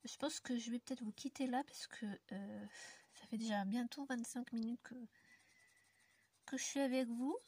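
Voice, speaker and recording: A woman's voice: on the high side, steady tone, moderate pace, a little mellow, slightly rough. A woman from France chatting casually to her viewers while colouring, rambling with many fillers and often dropping to a near-whisper. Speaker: YouTuber colouring on camera. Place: indoor room in the mountains.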